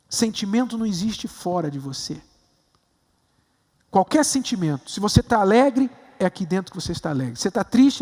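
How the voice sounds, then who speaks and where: A man with a Brazilian Portuguese accent, a bishop preaching a sermon with emphatic rises to stressed high points. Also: a little mellow, long reverb tail. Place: large temple hall.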